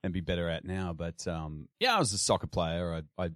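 An Australian man with a very low, deep voice talks casually as an interview guest. He hesitates often, restarting his sentences. The sound is close and dry. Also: expressive, brisk, no room sound. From Sydney, Australia. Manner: hesitant, many restarts and fillers, frequent laughs. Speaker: podcast guest.

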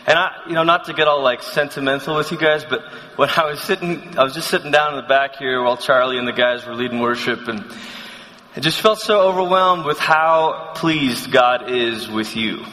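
A man's voice: mid-range voice, normal speed, bright, forceful tone. A man in his thirties from Malaysia, telling personal stories to a conference crowd in a chatty, self-deprecating way with many restarts. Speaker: conference speaker. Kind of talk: sermon, personal storytelling. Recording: long hall reverb.

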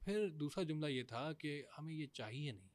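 A man's voice: fairly high pitch, animated, dry recording. A man, a scriptwriter guest who talks hesitantly and often restarts his phrases. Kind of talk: casual studio conversation.

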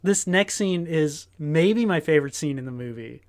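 A man's voice: on the high side, animated, moderate pace. Male podcast co-host, casual rambling movie recapper, heavy on fillers. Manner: rambling scene-by-scene retelling with fillers.

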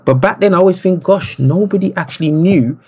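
A man, telling stories as a podcast guest in an animated, reflective way. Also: sits high, a little fast, slightly rough. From Congo. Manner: reflective, animated storytelling with restarts. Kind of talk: casual interview conversation.

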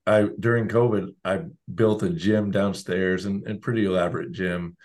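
A man with a hoarse, sick voice, co-hosting a podcast in a chatty, self-deprecating way. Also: deep voice, steady tone, normal speed, darkish tone. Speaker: podcast co-host. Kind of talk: casual chat.

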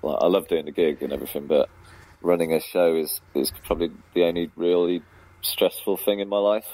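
A man's voice: low-pitched, fairly even intonation, a little fast, warm tone, rough recording. A man, a comedy club promoter and compere, chatting as a guest on radio in a rambling way, laughing often and filling with ums. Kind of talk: casual radio chat. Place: radio studio.

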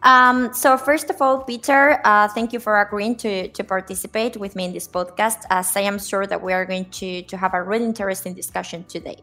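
A woman hosting a finance podcast, introducing her guest and asking questions in a formal, slightly halting way, often repeating words. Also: medium pitch, steady tone, sharp tone, faint music behind. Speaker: podcast host.

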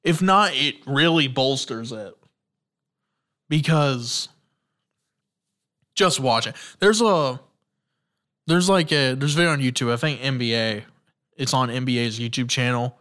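A man hosts a casual solo sports podcast in a medium-pitched, pushed, bright voice, speaking at a measured pace with long pauses. He tells stories enthusiastically and rambles, often restarting sentences and using fillers.

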